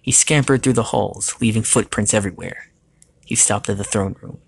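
A man reading a story aloud as its narrator in a steady, even way, with a gravelly voice. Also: fairly low pitch, moderate pace, a little hiss or hum. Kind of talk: scripted narration.

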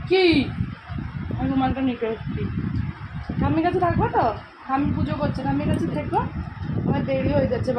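A woman with a Bengali accent vlogging at home, teasing and coaxing her small child and chatting to her viewers. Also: sits high. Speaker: vlogger, mother. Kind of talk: casual home vlog. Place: home, indoors. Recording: loud background noise.

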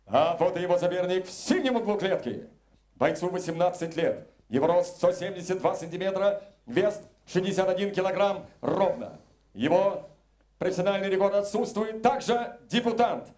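High-pitched male ringmaster announcer. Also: animated, darkish tone. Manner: grand ringmaster delivery, drawn-out fighter names. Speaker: ring announcer. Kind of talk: formal fight announcing. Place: indoor MMA cage in an arena. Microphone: handheld microphone.

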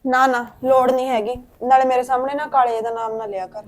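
An actress with a Punjabi accent playing a bossy older sister-in-law who scolds and snaps irritably. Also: female voice, high voice, fairly even intonation, fairly quick, natural voice. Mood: scolding.

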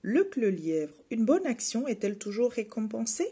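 Woman voicing a scared little storybook boy, pitched up high, begging. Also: very animated, normal speed, dark tone, breathy edge, heavily acted. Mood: pleading. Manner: pleading, urgent. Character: frightened pleading little boy.

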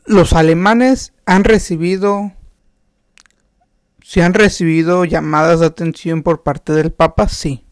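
A man preaching a sermon, slow and emphatic, with rhetorical questions and frequent restarts. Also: fairly high pitch, steady tone, no room sound, clean studio sound.

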